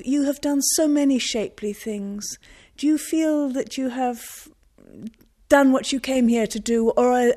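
A woman from Scotland asks a poet questions, her voice mellow and somewhat high. She sounds admiring and gently enthusiastic, speaking with small hesitations. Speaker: interviewer. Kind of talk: interview questions.

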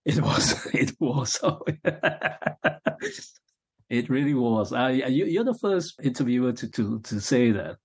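A middle-aged man from Malaysia, a novelist answering interview questions in a halting way, with many restarts and fillers. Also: medium pitch, animated, darkish tone, slightly rough.

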